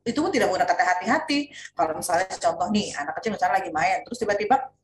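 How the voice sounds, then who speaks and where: A middle-aged woman tells parenting stories on a panel, quick and animated, with frequent fillers. Her voice rings in an echoey room. A faint ambient hum sits behind her. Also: mid-range voice. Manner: animated storytelling with many fillers. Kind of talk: casual panel discussion.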